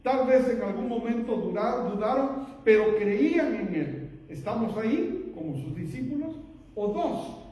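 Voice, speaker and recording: A man's voice: sits high, animated, measured pace, warm tone. A man preaching a sermon in church as pastor, who keeps calling the congregation brothers and asking them rhetorical questions. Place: church sanctuary. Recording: echoey church hall picked up from far off.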